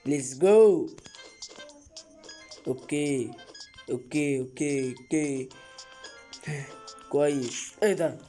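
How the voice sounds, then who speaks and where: A man with an Egyptian Arabic accent giving excitable let's-play commentary, repeating short exclamations and breaking into sudden high yelps. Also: slow, pauses often, faint music behind. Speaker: gaming channel host.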